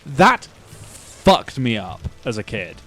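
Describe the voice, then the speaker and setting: A man's voice: mid-range voice, very animated, slow pace, fairly bright tone, faint music behind. Young male co-host; laid-back, joking, profane gameplay banter. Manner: jokey, sweary, breaks into silly voices. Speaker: gaming podcast co-host. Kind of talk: casual chat over gameplay.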